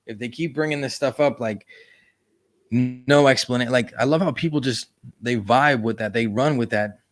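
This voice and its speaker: A man's voice: mid-range voice, normal speed. A man hosting a casual livestream chat, rambling in a laid-back way and often tossing in "man.". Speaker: YouTube livestream host.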